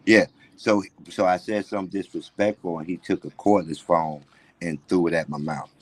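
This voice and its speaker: Low-voiced toothless man talking candidly. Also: steady tone, moderate pace, no room sound, rough recording. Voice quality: toothless, slightly slurred speech from missing front teeth. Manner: candid, conversational. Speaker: call-in guest on a livestream. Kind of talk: casual personal storytelling.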